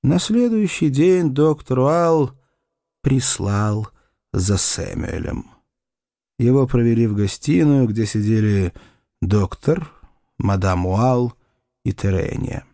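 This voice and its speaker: A man reading a novel aloud as narrator, in an expressive, measured style. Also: medium pitch, no echo, studio quality. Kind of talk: audiobook narration.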